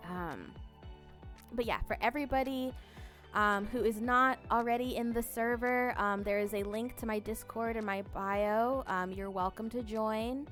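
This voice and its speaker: Slow-talking woman streamer, rambling and chatty. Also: on the high side, a bit bright, faint music behind. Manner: rambling, many fillers and restarts, reads chat aloud; bubbly squeals of greeting. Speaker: streamer reading chat. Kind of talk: casual live-stream chat.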